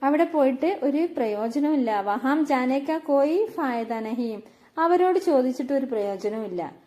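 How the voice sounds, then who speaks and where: A woman from with a high, light voice teaches everyday phrases in an unhurried way. She repeats each sentence and slows down for the new words. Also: lively intonation, dark tone. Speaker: language teacher. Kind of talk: spoken Hindi lesson explained in Malayalam.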